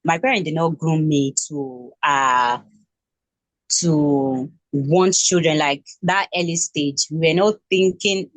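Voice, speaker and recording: Interview guest: Nigerian woman in her twenties, low pitch, halting delivery, dry recording. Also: no echo. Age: 20s. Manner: hesitant, with many restarts and fillers. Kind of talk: casual interview.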